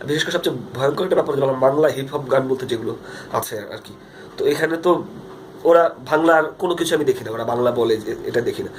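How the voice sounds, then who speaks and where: Fast-talking Bangladeshi man on a phone vlog. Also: mid-range voice, a little hiss or hum. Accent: Bangladeshi Bengali. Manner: earnest, rambling with frequent fillers and restarts. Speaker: vlogger. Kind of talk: casual video diary monologue. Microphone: phone front camera.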